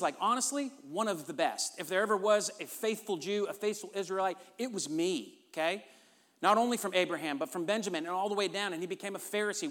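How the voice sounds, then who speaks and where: A man's voice: sits high, a bit bright. A man preaching a sermon in an emphatic, conversational way, often checking in with the congregation. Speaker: pastor. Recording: long reverb of a large hall.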